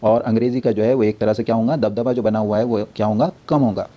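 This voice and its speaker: A man's voice: lowish voice, steady tone, fast, mellow. A male teacher giving a classroom lecture, often asking a question and answering it himself, repeating points as he explains. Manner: repetitive, explanatory. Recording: dull lo-fi recording.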